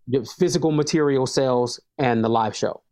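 A man's voice: medium pitch, normal speed, warm tone. A man, a hip hop artist talking casually as an interview guest, emphatic and prone to repeating words as he starts sentences.

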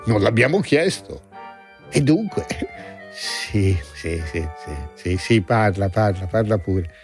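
A man's voice: lively intonation, slow, faint music behind. A man doing a touchy, stubborn unborn boy. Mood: stubborn, indignant. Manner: grumbling, sarcastic, with wide swings in pitch. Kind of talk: children's fairy-tale audio play.

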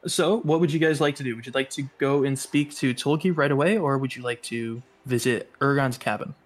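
A man's voice: mid-range voice, brisk. A man narrating and running a tabletop role-playing game as game master, describing scenes plainly.

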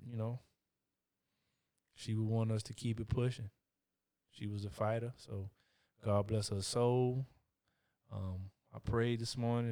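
A man co-hosting a casual chat podcast, laid-back and slangy with lots of fillers. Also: lowish voice. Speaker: podcast co-host.

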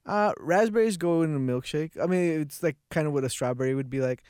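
A man's voice: fairly high pitch, brisk, darkish tone, clear, resonant tone, no room sound, studio quality. A man co-hosting a podcast in casual chat, laid-back and often trailing off to restart his sentences. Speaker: podcast co-host.

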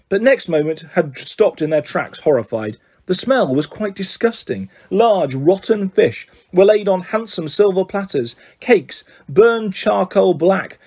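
A man reading a children's novel aloud with lively, expressive narration. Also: high-pitched. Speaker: reader.

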